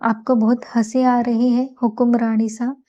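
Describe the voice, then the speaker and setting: A woman's voice: on the high side, level tone, moderate pace, mellow, dull audio, natural voice. A woman reading a bossy young royal husband. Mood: domineering. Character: young male royal husband, teasing, domineering.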